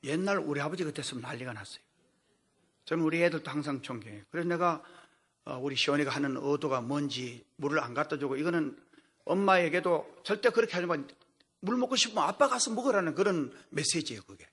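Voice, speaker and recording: A man's voice: on the high side, animated, quick pace, a bit bright, husky. A middle-aged man, a pastor, preaching a sermon with folksy storytelling to a congregation in a large worship hall. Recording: long hall reverb.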